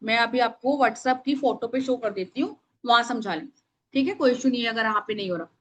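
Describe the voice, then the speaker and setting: A woman teaching a live online workshop over a video call, naming participants and dictating affirmations slowly for them to write down. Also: fairly high pitch, fairly bright tone.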